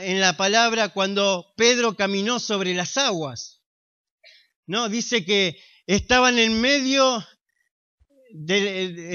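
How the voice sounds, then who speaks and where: A man with a Rioplatense accent preaches a sermon in a strikingly high, bright voice. He speaks very slowly and emphatically, leaving long dramatic pauses. The recording sounds slightly dull and lo-fi. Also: smooth. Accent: Rioplatense Spanish. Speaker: pastor.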